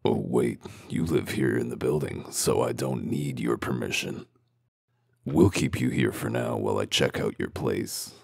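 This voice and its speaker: A man playing a gruff, world-weary wolf detective in a comic dub, with gravelly voice and dry, sardonic, interrogating delivery. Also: very deep voice, a little slow, a little mellow, no echo, full character voice. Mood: sardonic, stern.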